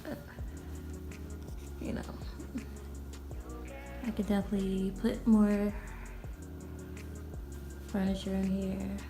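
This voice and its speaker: A woman's voice: mid-range voice, monotone, takes it slowly, long pauses, warm tone. A woman of twenty giving a casual, rambling vlog tour, full of "like" and "you know". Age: 20s. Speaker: vlogger. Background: background music.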